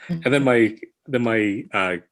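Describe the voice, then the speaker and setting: A man, a podcast guest, answering in a hesitant way with many pauses. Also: medium pitch, lively intonation. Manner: hesitant, with fillers and restarts. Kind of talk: casual interview.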